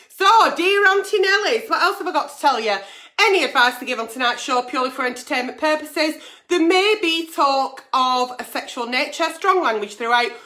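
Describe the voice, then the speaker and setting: Reading letters on her chatty late-night livestream, the agony aunt host speaks in a high, pushed, bright voice. She's a pantomime performer with a blunt, sweary style, and her speech is a little loose since she isn't wearing her dentures.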